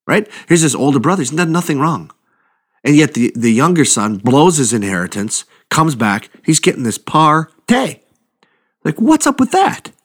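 A man preaching a sermon, retelling a parable in a lively, conversational way and acting out the characters' lines. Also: mid-range voice, normal speed. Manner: animated storytelling, acts out quotes, conversational asides.

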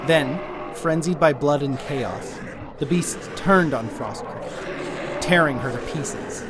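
Man narrating a dark fable. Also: a little high, slow, noisy background. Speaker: writer and narrator. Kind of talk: scripted storytelling narration.

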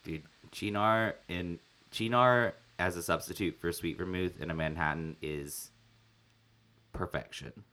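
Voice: deep voice, a little slow, pushed and bright. A podcast co-host who tends bar, talking in a blunt, sarcastic way and swearing freely. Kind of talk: casual podcast chat.

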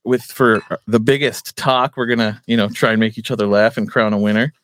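A man's voice: lowish voice, fairly even intonation, fairly quick, fairly bright tone, dry recording. A man hosting a casual podcast, laying out the rundown in a loose, swearing manner. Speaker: podcast host.

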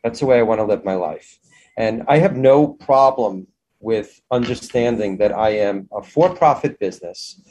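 A man's voice: on the low side, moderate pace, a little mellow, husky, low-quality recording. A man speaking as an interview guest about his own business in an enthusiastic, effusive, conversational way.

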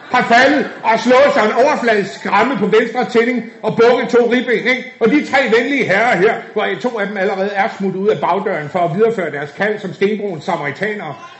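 Casting: man doing a sneering, high-voiced foul-mouthed tough, echoey recording. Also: a bit bright. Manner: sneering, wordy insults. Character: cocky, foul-mouthed young male tough. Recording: dull echoey room recording.

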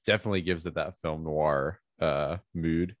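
An American man with a croaky, frog-like voice, sniffly with a cold, hosting a casual film podcast in a chatty way full of asides. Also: rumbling low, normal speed, no echo. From southeastern United States. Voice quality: croaky, froggy voice. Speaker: podcast host.

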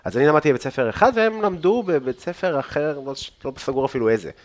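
A man's voice: a little high, big pitch swings. A man with an Israeli accent, a podcast host, chatting and telling anecdotes in an informal, slangy way. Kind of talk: casual chat, anecdotal storytelling.

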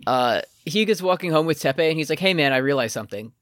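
A podcast co-host with a slightly high voice talks fast while recapping an anime in casual, joking chat. He's lively and exclaims loudly when excited. The sound is clean studio audio with no room sound.

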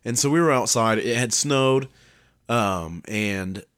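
A man's voice: medium pitch, takes it slowly, fairly bright tone. A young man co-hosting a casual chat podcast, crude and teasing, laughing often as he reminisces. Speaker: podcast co-host.

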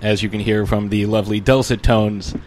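A man's voice: on the low side, level tone, brisk, darkish tone. A man hosting a casual podcast, bantering with co-hosts in a joking, sardonic manner. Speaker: podcast host. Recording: clear background noise.

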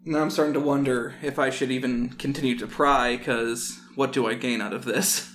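Calm man playing a tabletop game. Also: medium pitch, normal speed, faint music behind. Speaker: player. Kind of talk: tabletop play.

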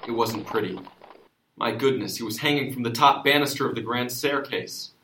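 A self-important noir sheriff, with a forceful, bright voice in a roomy space. He narrates and snaps in comic hard-boiled radio-play style. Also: medium pitch, normal speed, a little hiss or hum. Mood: wry, hard-boiled. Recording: roomy echo.

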